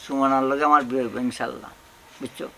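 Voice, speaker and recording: A man's voice: mid-range voice, steady tone, fast, creaky, a bit bright, slight background noise. An actor with a Sylheti accent playing a boastful village man who coaxes and reassures his servant about a marriage. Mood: coaxing. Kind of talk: comedy drama acting.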